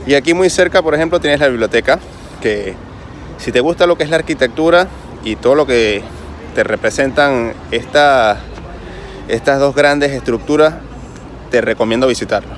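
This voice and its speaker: A Caribbean man with a Caribbean Spanish accent talks straight to his viewers in a chatty, explanatory travel vlog. His voice sits at an ordinary middle pitch, recorded out on a city street with traffic and urban noise clearly behind him. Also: normal speed. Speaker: travel vlogger. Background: traffic and street ambience.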